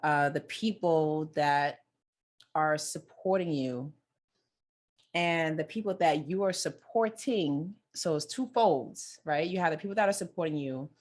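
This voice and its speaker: Woman, low voice, New York accent with Caribbean hints, casual podcast chat, repeats herself. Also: unhurried, darkish tone. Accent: New York, with Caribbean touches. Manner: chatty, repeats words, talks to listeners directly. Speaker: podcast host. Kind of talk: casual solo podcast talk. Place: indoors near a busy city street.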